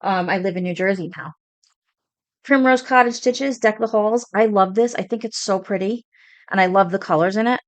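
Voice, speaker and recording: This woman in her forties, from Brooklyn, New York, chats casually and a bit ramblingly while showing her cross stitch projects on her home video channel. Her voice is mid-range at normal speed, with no echo.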